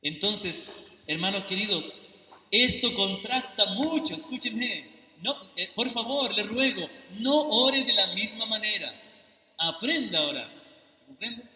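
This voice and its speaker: Chilean missionary preacher, male, high piercing voice, earnest and pleading, sermon in a hall. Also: animated, measured pace. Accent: Chilean Spanish. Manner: earnest, pleading, asks "do I make myself understood?"; emotional, rises to forceful rebuke. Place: church sanctuary. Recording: echoey hall, voice from far off.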